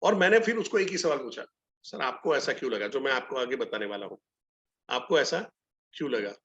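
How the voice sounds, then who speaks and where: A man's voice: mid-range voice, quick pace, dull audio. A middle-aged man running a live online sales training, telling stories and acting out both sides of the dialogue. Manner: animated storytelling, acts out both sides of dialogues.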